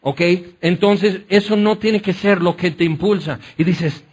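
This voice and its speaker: A man preaching a conversational sermon, animated, acting out scenes and checking in often with his listeners. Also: high-pitched, unhurried, a little hiss or hum. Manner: animated, acts out scenes, frequent "¿ok?" check-ins.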